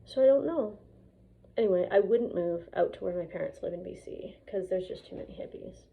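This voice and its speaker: This Canadian woman from Edmonton, a vlogger and piano student, speaks in a mid-range, warm, husky and creaky voice at a brisk pace. Her casual, rambling monologue is personal, blunt, and opinionated, full of hesitations and swearing. The phone recording sounds dull and lo-fi.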